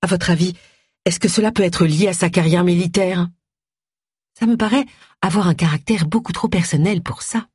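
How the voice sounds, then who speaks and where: A woman voicing a composed, kindly vicar's wife in an audiobook, gentle but firm. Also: on the low side, normal speed, husky, no room sound, clean studio sound.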